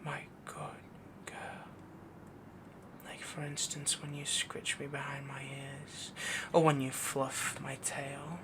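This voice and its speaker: In an intimate roleplay audio, a man voices a possessive, doting young werewolf boyfriend, half-whispering softly and breathily as he rambles, dominates, and coos endearments. His mid-range delivery is monotone, slow, and lightly acted, with a jealous, possessive mood.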